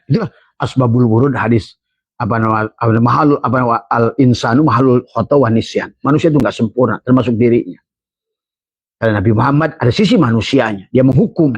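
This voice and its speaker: A man preaching an Islamic sermon in a lively way, often rising high in pitch for emphasis and chanting Arabic verses slowly. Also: breathy edge, dry recording.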